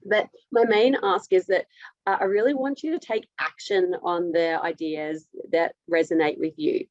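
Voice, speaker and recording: A woman's voice: fairly low pitch, fairly even intonation, moderate pace, darkish tone, no echo, highs cut off. An Australian woman, a dietitian, giving a live webinar presentation over a video call in an upbeat, direct, chatty way.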